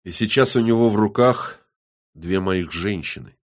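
Man voicing a brooding loner: low, flat, calm and gloomy. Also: moderate pace, natural voice. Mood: grim. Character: gloomy quiet man with inner beast.

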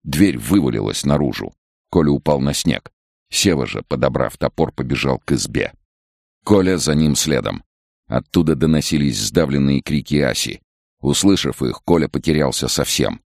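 Man, very deep voice, gravelly, lively pitch, dry close recording, audiobook narration. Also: moderate pace, no room sound. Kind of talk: scripted narration.

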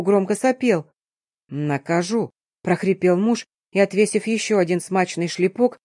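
Lady reading romance audiobook, calm intimate voice, mid pitch, dry close sound. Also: dry recording. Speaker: audiobook narrator. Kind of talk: first-person romance audiobook narration.

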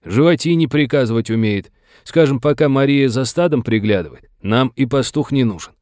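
A man voicing a gruff older Russian settler with a folksy, blunt, scolding manner. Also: mid-range voice, expressive, normal speed, darkish tone, no room sound, clean studio sound, voice pushed up, natural voice. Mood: earnest.

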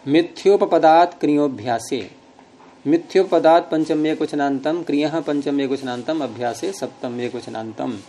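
Mellow patient male grammar teacher. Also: fairly high pitch, a little slow. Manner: patient, repeats and quizzes students with questions; gently teasing, chuckles. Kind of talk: classroom grammar lecture.

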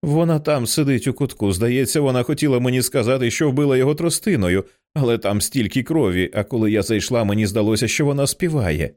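A man voicing a terrified young woman who shouts in panic. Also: medium pitch, fast talker, few pauses, lightly acted. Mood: shaken.

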